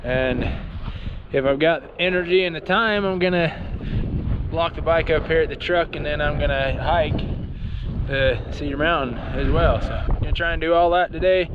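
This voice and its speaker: A man's voice: fairly high pitch, normal speed. A man giving a casual, folksy and enthusiastic outdoor vlog narration out in the open. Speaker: outdoor adventure vlogger. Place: outdoors in windy open desert. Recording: dull audio with loud wind noise. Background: blowing wind.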